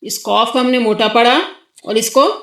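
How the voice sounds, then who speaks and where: In an echoey room, a woman teaches a child how to pronounce Quranic letters in a tajweed lesson. Her voice is a little high and fairly bright with fairly even intonation, and she patiently explains, drawing out sung syllables for the child to repeat.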